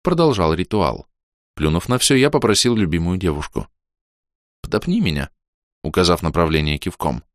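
A man reading a first-person audiobook in a lively, ironic manner. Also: deep voice, fairly quick, dry recording, clean studio sound. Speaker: audiobook narrator.

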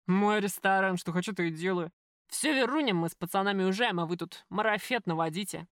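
A woman voicing a crude, jealous male mob boss who talks loudly and bossily in an audiobook. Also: medium pitch, a little fast, dry recording, clean studio sound, natural voice. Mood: brash. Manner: loud, coarse, bossy.

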